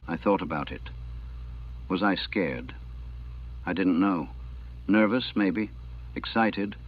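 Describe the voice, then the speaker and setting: On an old 1940 recording, a navy veteran in his sixties slowly recalls a battle in his own words. His voice sits low and his telling is plain and matter-of-fact, captured in thin, dry, phone-like audio.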